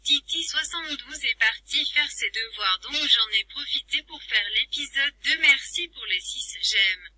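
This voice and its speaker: Tts lady as a snarky translator-app bot, slow flat computer voice, super bright, dry. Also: high-pitched, dry recording, exaggerated voice, poor audio. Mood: mocking. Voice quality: flat synthetic text-to-speech delivery. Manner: teasing, insults viewers as losers. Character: cheeky female translator-app voice, taunting. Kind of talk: computer-voiced vlog bit.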